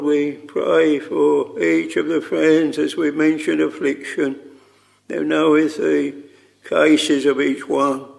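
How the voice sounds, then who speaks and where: A man leading a solemn public prayer in old-fashioned language, speaking in halting short phrases and returning again and again to "Lord". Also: fairly high pitch, creaky, darkish tone.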